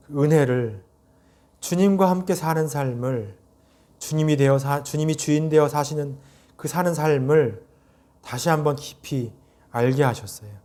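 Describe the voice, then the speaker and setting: Earnest Korean pastor preaching a sermon. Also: male voice, a little high. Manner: earnest, rising emphatic phrases then soft drops; tells a personal story slowly and quietly.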